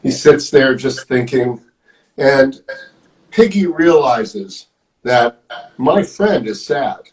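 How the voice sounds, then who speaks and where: A man reads a children's picture book aloud and describes the pictures along the way. He talks slowly, and his pitch rises and falls a lot. The microphone sits some distance from him. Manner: slow, animated, explaining the pictures. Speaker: volunteer storyteller.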